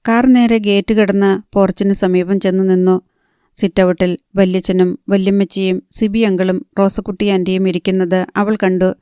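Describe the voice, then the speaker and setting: A woman narrating a novel in a calm, even storytelling manner. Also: mid-range voice, moderate pace, clean tone, dry recording, clean studio sound. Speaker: audiobook narrator.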